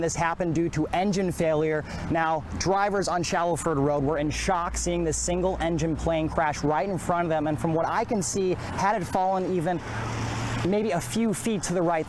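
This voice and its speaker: A young man reporting the news for local television, in a crisp, upbeat broadcast delivery. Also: on the high side, a little mellow, a little hiss or hum. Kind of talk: news reporting and live stand-ups.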